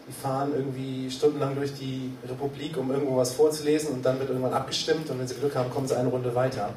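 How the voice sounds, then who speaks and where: A man performing a rhymed spoken-word poem at a poetry slam, building to a loud, repeated refrain after a chatty introduction. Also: medium pitch, roomy sound, far from the mic, slight background noise. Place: live stage at a poetry slam venue.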